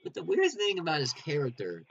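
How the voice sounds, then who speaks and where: This film director's voice is a little high and creaky, his pitch swooping wildly as he talks fast through a casual commentary on his own movie. He rambles and corrects himself, with chuckling asides along the way. The recording is dull and lo-fi with faint hiss.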